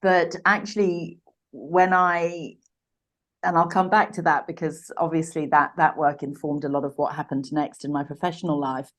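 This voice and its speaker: A woman in her sixties from Uganda, a podcast guest telling her life story in a reflective, halting way with frequent restarts. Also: low voice, steady tone, a bit bright. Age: 60s. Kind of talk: personal storytelling in a podcast interview.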